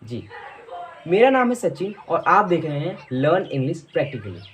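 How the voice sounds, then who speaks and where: A man's voice: on the high side, very animated, fairly bright tone, slight background noise. Hindi-speaking man patiently teaching pronunciation. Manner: patient, repeats each word slowly. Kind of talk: explaining lesson to camera.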